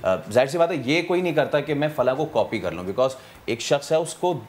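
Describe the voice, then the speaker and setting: A man's voice: medium pitch, animated, fairly quick, slight background noise. A man hosting a TV morning show, asking long, winding questions that mix in English phrases. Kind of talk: casual studio interview. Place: TV studio.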